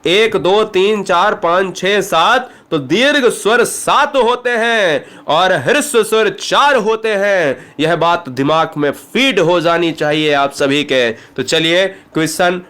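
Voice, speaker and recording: High-voiced male Hindi teacher, Bihari accent. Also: takes it slowly, few pauses, fairly bright tone, clean tone. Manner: addresses students directly, asks rhetorical questions. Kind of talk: exam-prep Hindi grammar lesson.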